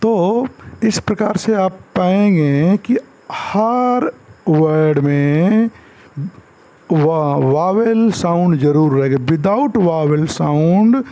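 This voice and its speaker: A man teaching basic English grammar in Hindi. He mixes in English phrases and repeats words slowly for emphasis. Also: fairly high pitch, warm tone, rough recording. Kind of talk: classroom lecture.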